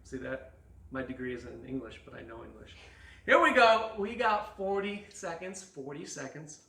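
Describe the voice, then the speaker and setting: A man's voice: fairly high pitch, sing-song, normal speed, creaky, pushed and bright, echoey room, recorded from a distance. A man as fitness coach, leading a guided stretching class with jokes and countdowns. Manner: joking, upbeat instruction with counting. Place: fitness studio.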